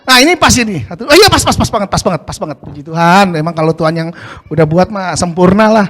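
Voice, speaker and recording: A man's voice: sits high, animated, fast, fairly bright tone. A male pastor preaching a casual slang sermon, asking the congregation rhetorical questions.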